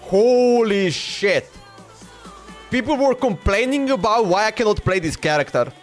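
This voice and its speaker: A man with a high, expressive voice talks a little slowly as he livestreams, chatting casually and reacting in slangy, exclamatory bursts, often repeating himself. Music plays in the background beneath his voice.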